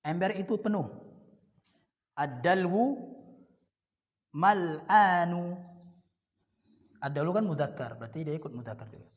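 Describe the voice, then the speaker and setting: A man teaching Arabic grammar in a lecture, repeating each word and posing questions he answers himself. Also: on the high side. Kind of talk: classroom lecture. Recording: dull lo-fi sound in a reverberant hall.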